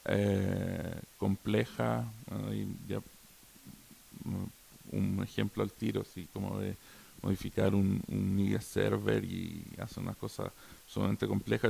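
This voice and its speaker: Young Chilean man giving a workshop talk, halting and unhurried, deep fry in the voice, light tape hiss. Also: darkish tone. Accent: Chilean Spanish. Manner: hesitant, many fillers and restarts. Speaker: workshop speaker. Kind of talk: hesitant informal talk to an audience. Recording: faint hiss behind the voice.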